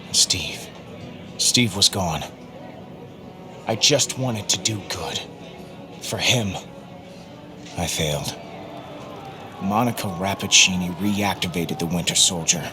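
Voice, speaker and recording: A guilt-ridden, brainwashed soldier turned hero for a video game. His voice sits low and he takes his time over the words. He is grave and understated, a weary but loyal fighter, with music playing behind him. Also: takes it slowly, long pauses. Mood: haunted, regretful. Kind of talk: cinematic video game acting and narration.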